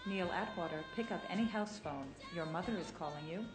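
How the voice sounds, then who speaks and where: An actress playing a polite hotel staff announcer, making a calm, formal paging announcement over a loudspeaker. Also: female voice, lowish voice, a little fast, over music, low-quality recording. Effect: soft paging announcement over a loudspeaker.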